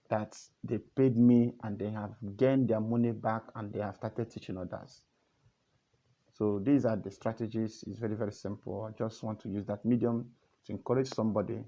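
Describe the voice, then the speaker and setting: A man's voice: on the low side, mellow, dull audio. A man teaching a trading method in a casual, earnest tutorial, repeating himself and asking the listener questions. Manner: repetitive, earnest, coaxing questions.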